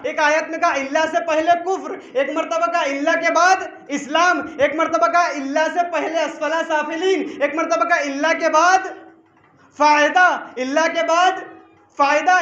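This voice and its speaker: A man preaching a sermon at a religious gathering, repeating phrases for emphasis, reciting Arabic verses and rising to shouts. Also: very high voice. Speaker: cleric preaching at a majlis. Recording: echoey hall, muffled lo-fi sound.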